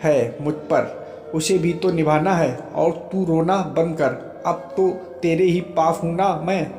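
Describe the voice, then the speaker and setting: A playful young soldier who keeps teasing his wife with a grin in his voice, read by a male narrator. The tone is fairly high and unhurried. A roomy echo carries it, and soft music plays beneath. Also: steady tone. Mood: fond. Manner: joking, teasing, laughing.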